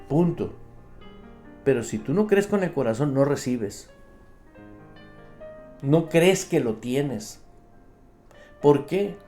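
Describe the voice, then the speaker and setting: Slow, emphatic preaching pastor. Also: male voice, mid-range voice, warm tone. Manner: emphatic preaching, acts out believers' complaints; addresses listeners directly as brother. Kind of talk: radio sermon.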